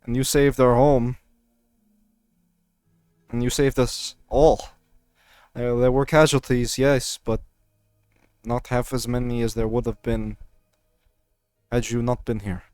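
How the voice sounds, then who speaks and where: A man's voice: medium pitch, level tone, slow pace, pauses often, darkish tone, smooth, no room sound, close to an everyday voice. A man voicing a relieved, earnest male commander in a tabletop game.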